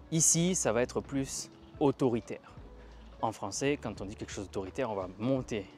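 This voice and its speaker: A man giving a casual language lesson while walking outdoors, lively and stressing words to demonstrate tones. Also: mid-range voice, slight background noise. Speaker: language teacher.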